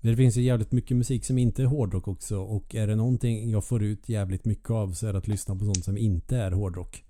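A man with a low, very dark voice talks in a loose, chatty way and explains at length. He swears freely and sounds relaxed as he co-hosts. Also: few pauses, slight background noise. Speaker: podcast co-host. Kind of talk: casual chat.

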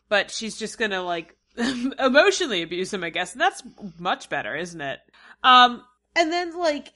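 A woman chatting casually as a podcast co-host, sarcastic and heated, acting out quoted lines in quick asides. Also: a little high, bright, forceful tone. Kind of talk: casual chat.

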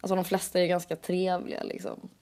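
A woman's voice: lowish voice, flat delivery, darkish tone. A young woman co-hosting a podcast, telling stories in casual chat with lots of filler words. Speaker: podcast co-host.

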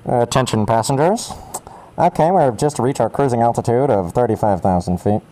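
A man's voice: medium pitch, brisk, warm tone, close to an everyday voice, low-quality recording. A man voicing a laid-back airline pilot making cabin announcements in a drawling, offhand tone.

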